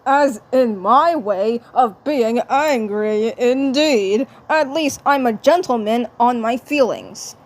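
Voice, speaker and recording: A woman voicing a pompous male Martian who calls himself a gentleman, in a prim, haughty, deliberate manner, reading a fan story. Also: a little high.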